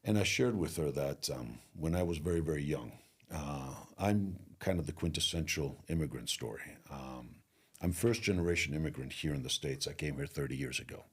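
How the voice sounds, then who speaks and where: Very deep husky middle-aged man. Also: lively intonation. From Greece. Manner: earnest, motivational, slows down on key phrases. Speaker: leadership speaker and coach. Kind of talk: interview conversation.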